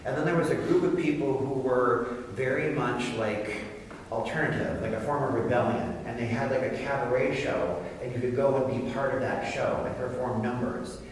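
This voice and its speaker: A man speaking as a drag performer on a discussion panel, explaining things earnestly. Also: medium pitch. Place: large reverberant room. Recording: very echoey hall, distant mic, faint noise.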